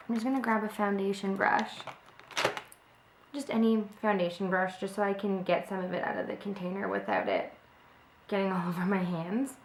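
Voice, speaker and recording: Recorded on a close-range webcam in her home kitchen beside a window, a young woman who is a little under the weather talks through a makeup tutorial as a beauty vlogger, chatting casually and saying um often. Her voice is mid-range and a bit off from the illness. The room is echoey, with slight background noise.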